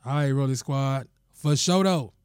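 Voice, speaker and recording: A man's voice: medium pitch, measured pace, darkish tone, clean tone, no room sound, studio quality. Laid-back slangy man hosting a podcast. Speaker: podcast host. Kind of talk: casual podcast chat.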